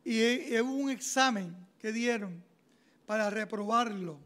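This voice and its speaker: A man, preaching a homily as a deacon and telling his own story in an animated way, acting out the dialogue. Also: sits high, a little slow. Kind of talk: sermon with personal testimony.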